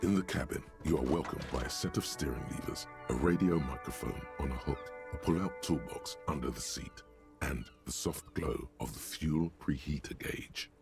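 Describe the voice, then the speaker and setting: A man's voice: rumbling low, moderate pace, creaky. A man narrating a game in a dramatic, descriptive manner. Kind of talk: scripted narration. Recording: game audio with music behind.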